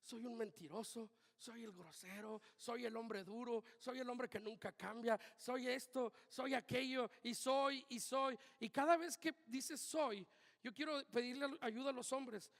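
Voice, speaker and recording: A man preaching a sermon as pastor, swinging between loud urgent calls and quiet asides. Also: very high voice, a little slow. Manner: animated preaching, shifts from shouting to quiet asides. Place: church hall. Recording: long hall reverb.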